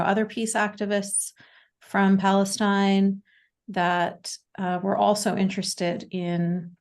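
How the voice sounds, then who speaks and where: Here a Canadian woman in her forties is a podcast guest, chatting informally in an interview while hesitating, restarting, and using plenty of fillers. Her pitch is medium.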